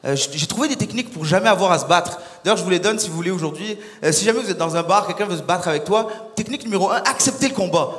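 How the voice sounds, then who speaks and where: A young man doing a stand-up comedy set on stage, animated and acting out little scenes. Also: high-pitched, very fast, hardly any pauses. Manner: animated, acts out voices and characters. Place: large concert hall on stage. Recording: live hall with long reverb.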